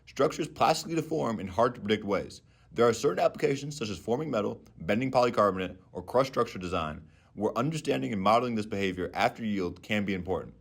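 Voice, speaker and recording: A young man narrating a scripted engineering lesson in a clear, methodical way. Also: fairly low pitch, lively intonation, fast talker. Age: young adult. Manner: clear, methodical technical explaining. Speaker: student engineering presenter.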